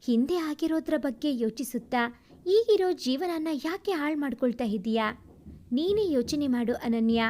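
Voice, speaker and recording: Woman doing a soft caring young husband, storybook reading, higher voice. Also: animated, normal speed. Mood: tender, coaxing. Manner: earnest, reassuring.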